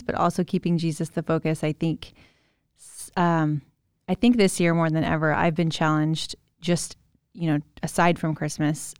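Woman, podcast host, somewhat low voice, dry close sound, encouraging, chatty. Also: smooth, no echo. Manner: warm, encouraging, chatty with fillers.

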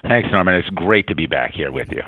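A man's voice: low-pitched, animated, fairly quick, slightly rough, no echo. A man, an anthropologist, explaining his ideas thoughtfully as a guest on a radio interview. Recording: tinny phone-line call.

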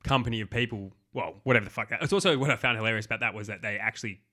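A man co-hosting a casual film podcast, animated and swearing freely as he picks apart scenes. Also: on the low side, rapid-fire. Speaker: podcast co-host.

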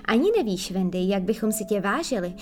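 A woman's voice: mid-range voice, animated, close to an everyday voice. A woman voicing a boastful, cocky boy who never grew up, eager and proud. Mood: coaxing.

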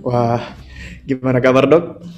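A man's voice: mid-range voice, level tone, a little slow, a little mellow, muffled recording. Young male co-host, casual and upbeat, light English mixing; faint music bed. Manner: upbeat, mixes English words. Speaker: podcast co-host. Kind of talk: casual podcast hosting.

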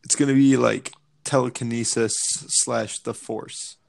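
Brief: male co-host, unhurried, gravelly fry, jokey banter. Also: mid-range voice, steady tone, darkish tone. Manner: slow, hesitant, jokey. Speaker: podcast co-host. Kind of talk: casual podcast chat.

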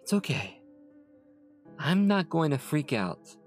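A man's voice: a little high, sing-song, slow, soft background music, voice pushed up. A man voicing a scared young mother. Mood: anxious. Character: frightened young mother protecting her son. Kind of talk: storybook narration.

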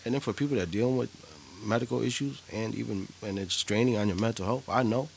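A man's voice: medium pitch, fairly even intonation, quick pace, gravelly, slight background noise. A man co-hosting a podcast, talking candidly and from the heart, often repeating himself. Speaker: podcast co-host. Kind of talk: casual chat.

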